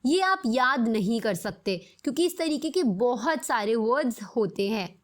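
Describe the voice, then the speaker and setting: Woman, English teacher, slightly high voice, patient step-by-step explanations. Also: animated. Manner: explains in Hindi, reads English examples slowly. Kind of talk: scripted grammar lesson.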